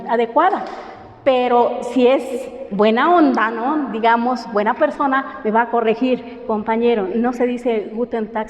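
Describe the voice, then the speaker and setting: A woman's voice: high-pitched, a little mellow. A woman from coastal Oaxaca, a native Mixtec speaker with a Mexican accent, teaching a language class in a patient, encouraging way and often restarting her sentences. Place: university classroom. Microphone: teacher's own microphone. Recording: roomy hall echo, slightly dull.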